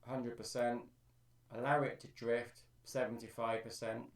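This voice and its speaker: A man's voice: mid-range voice, flat delivery, unhurried, reverberant, recorded from a distance. A man on a live stream, thinking aloud as he explains how he edits his own vocal track. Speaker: streamer and amateur music producer. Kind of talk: live-stream tutorial talk.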